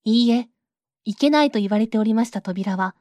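Pleading fairy-tale queen, young and desperate, high bright-leaning pitch, close dry sound, voiced by a woman reader. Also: moderate pace, no room sound, close to an everyday voice. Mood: insistent. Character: desperate young queen, proud then remorseful.

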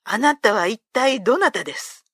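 A big, fierce warrior monk from an old folk tale, gruff and heavy in his speech, voiced by a woman storyteller. His lines come slow and weighty. The recording is dry and close. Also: a little high, expressive, fairly bright tone, dry recording. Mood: humble. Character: huge fierce warrior monk, later humbled.

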